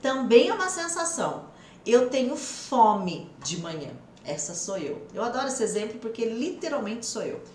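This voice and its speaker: A woman with a Brazilian Portuguese accent teaching an English lesson, lively and emphatic, slowing down to stress key words. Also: on the high side, slight background noise. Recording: echoey room.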